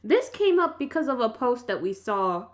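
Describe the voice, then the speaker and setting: A woman chatting casually and arguing her point in an insistent, colloquial, animated way. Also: on the high side, moderate pace. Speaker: vlog host. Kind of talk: casual argumentative chat.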